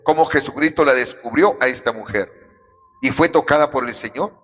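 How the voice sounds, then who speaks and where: A man's voice: mid-range voice, moderate pace, a bit bright. Pastor man preaching hard, keeps calling everyone brother, dull muffled echoey hall. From Peru. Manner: fervent, repeatedly addressing the congregation. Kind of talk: sermon.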